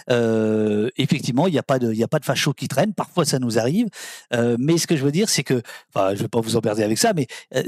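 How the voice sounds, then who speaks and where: A man hosting a talk show, speaking in a relaxed, chatty way with lots of fillers. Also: medium pitch, dry recording, studio quality. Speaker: host. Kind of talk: casual talk-show chat.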